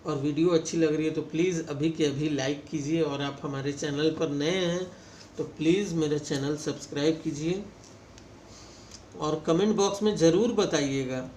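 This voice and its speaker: A man's voice: fairly high pitch, normal speed, darkish tone. A man teaching shorthand vowels in a casual lesson, repeating each sound several times and addressing viewers as friends. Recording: echoey room with faint ambient noise.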